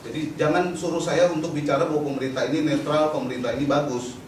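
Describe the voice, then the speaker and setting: Brief: a man teaching lawyers a class, slightly high voice, blunt and animated, caught far off in an echoey room with faint ambience. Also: quick pace, slight background noise. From Indonesia. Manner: blunt, animated storytelling, acts out police and activists. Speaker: human rights lawyer lecturing. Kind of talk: lecture to a training course. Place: training venue hall, in front of a class.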